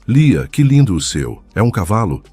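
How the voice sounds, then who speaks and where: Man voicing gentle young cook woman, patient, soft, husky, dry sound. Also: lowish voice, big pitch swings, normal speed, no room sound, pitched above the performer's own voice.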